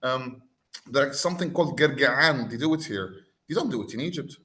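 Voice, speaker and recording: A man's voice: mid-range voice, lively intonation, moderate pace, sharp tone. A man raised in the UAE, talking reflectively as a podcast guest and explaining with everyday examples. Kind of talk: conversational panel talk.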